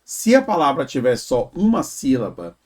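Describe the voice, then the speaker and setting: A man's voice: medium pitch, wildly swooping pitch. A man teaching an exam prep grammar lesson, explaining step by step and checking in with "né?" and "tá?". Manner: explains slowly, drawing out example words, frequent "né?" and "tá?".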